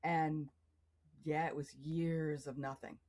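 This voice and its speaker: Casting: middle-aged woman, chatty interview guest, animated storyteller who acts out quotes. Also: deep voice, slow pace. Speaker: guest artist. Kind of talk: casual interview conversation.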